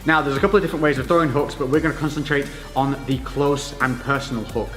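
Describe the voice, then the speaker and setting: A man's voice: mid-range voice, quick pace, a bit bright. A man giving encouraging, informal step-by-step boxing instruction as a fitness coach during a workout demonstration. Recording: echoey reverberant room with music.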